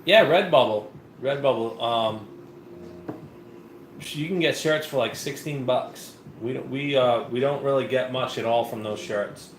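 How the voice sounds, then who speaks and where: A man co-hosting a live beer review show chats casually and rambles, full of fillers and restarts. His voice is medium-pitched and unhurried, recorded in an echoey room with faint noise.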